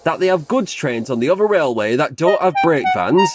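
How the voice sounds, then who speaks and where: A man voicing a large male steam engine who talks in a hurried, breathless, chatty way. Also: a little high, animated, loud music behind the voice, close to an everyday voice.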